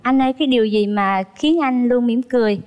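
A woman's voice: a little high, a little fast, darkish tone, a little hiss or hum. A woman from Phan Thiet, a dating show contestant, chatty and a little nervous. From Phan Thiet, Vietnam. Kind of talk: casual conversation. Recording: reverberant TV studio with music.

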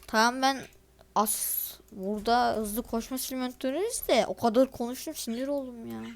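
Here the teen girl's voice sits fairly high with some vocal fry, at a moderate pace. She's a gaming video creator, chattily complaining over her gameplay and addressing viewers head-on in an exasperated tone.

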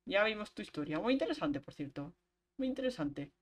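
A chatty young woman, streaming a game. She keeps up a running talk with her audience and breaks into quick laughs. Her voice sits at an ordinary middle pitch. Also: big pitch swings. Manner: chatty, talks to chat while playing, quick laughs. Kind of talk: casual gameplay chat.

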